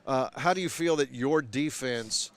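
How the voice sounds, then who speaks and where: A man's voice: mid-range voice, measured pace. A man working as a fight night interviewer, talking in a wordy, hesitant way full of uhs before a bout. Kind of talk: pre-fight sports interview.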